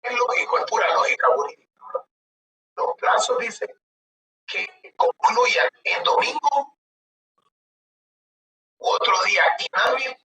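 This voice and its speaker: High-pitched male lecturer in an echoey room. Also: huge pitch swings, slow pace, long pauses, bright, forceful tone. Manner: conversational, poses rhetorical questions with tag questions. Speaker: law lecturer. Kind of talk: lecture reading and explaining legal articles. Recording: roomy, distant mic with background noise.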